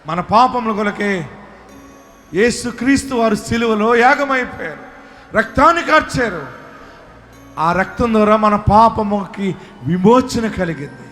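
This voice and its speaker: Man, pastor leading prayer, very high voice, bright and sharp, hushed pleas then shouted declarations, faint music behind. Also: lively intonation, a little slow, long pauses. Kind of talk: leading congregational prayer at a live service. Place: live church service.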